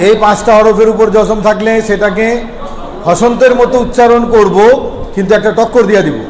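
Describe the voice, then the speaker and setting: A man's voice: high voice, steady tone, a crowd in the background. A man teaching Arabic letter pronunciation, repeating sounds and quizzing his class. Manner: repeats sounds slowly, asks the class questions. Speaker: Quran recitation teacher. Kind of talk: explaining Arabic pronunciation lesson. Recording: echoey room with faint ambient noise.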